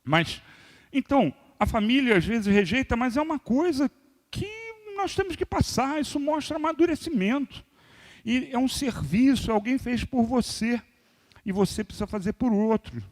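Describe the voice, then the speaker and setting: A man in his sixties preaching a sermon as pastor, moving between loud emphasis and quiet asides. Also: very high voice, lively intonation, normal speed. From Brazil. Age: 60s. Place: church hall. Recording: long reverb of a large church hall.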